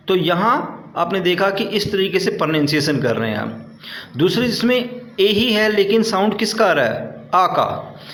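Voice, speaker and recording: A man teaching an online class, reading English lines slowly and explaining them in Hindi, asking questions and answering them himself. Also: high-pitched, a bit bright, reverberant.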